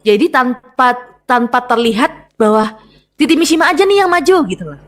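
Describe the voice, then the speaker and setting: A woman's voice: high-pitched, lively intonation, a little fast. A woman in a roleplay voice chat, talking her ideas through with hesitant restarts. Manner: thinking aloud, hesitant. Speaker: roleplay player.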